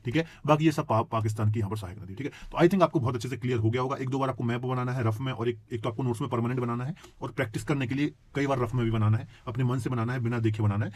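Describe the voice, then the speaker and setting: A man teaching geography for exam prep, who keeps asking his students rhetorical check-in questions and clears his throat now and then. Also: mid-range voice, darkish tone, slight background noise. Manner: addresses students as children.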